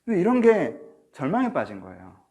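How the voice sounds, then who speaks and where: A man's voice: a little high, huge pitch swings, brisk, a little mellow. A male pastor preaching a sermon through a face mask, slightly muffled, addressing listeners directly with questions and acting out inner thoughts. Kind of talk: sermon to a congregation, preached online. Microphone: speaking through a face mask.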